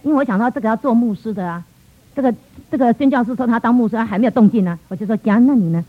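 A woman's voice: a little high, rapid-fire. A middle-aged woman with a Taiwanese Mandarin accent, giving a personal church testimony and acting out family dialogue as she tells it. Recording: muffled lo-fi recording.

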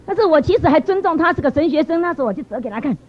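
High-voiced woman, church testimony, animated storytelling, dull lo-fi sound. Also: racing, slight background noise. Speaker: church member giving testimony.

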